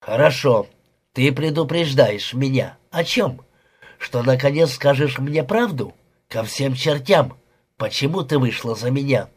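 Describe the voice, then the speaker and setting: A furious, jealous young husband in an audiobook, sneering and explosive, as a male reader puts him on. The voice is husky and rough, with an even middle pitch. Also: a little slow.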